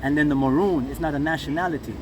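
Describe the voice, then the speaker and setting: High-voiced Jamaican man, emphatic Rasta-style reasoning. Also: steady tone, fast. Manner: Rasta-style speech, emphatic, often checking the listener follows. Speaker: interviewee. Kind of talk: impassioned informal reasoning. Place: outdoors near passing vehicles. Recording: noisy outdoor recording with traffic.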